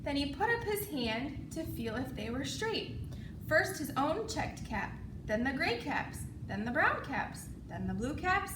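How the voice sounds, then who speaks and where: A high-voiced woman tells a children's story. She is expressive and deliberate, with broad singsong kids' theatre swoops. The sound is distant, with clear background noise. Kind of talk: children's storytime read-aloud. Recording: echoey room, distant mic, noisy background.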